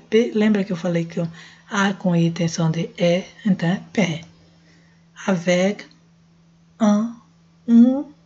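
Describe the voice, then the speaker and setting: A woman's voice: medium pitch, dark tone, husky, highs cut off. A woman with a Brazilian Portuguese accent giving a casual French lesson, spelling out letters and sounds. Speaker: language teacher.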